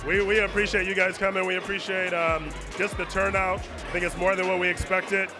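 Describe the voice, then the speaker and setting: An upbeat man thanks everyone for coming to his film festival. His voice is high. Music plays clearly around him. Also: level tone, brisk. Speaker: festival organizer. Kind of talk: red carpet interview. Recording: music playing behind.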